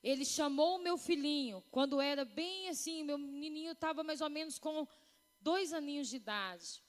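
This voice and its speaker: A woman's voice: high-pitched, normal speed. A woman giving a heartfelt personal testimony to a church congregation, calling them brothers and sisters. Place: church hall. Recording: long reverb of a church hall.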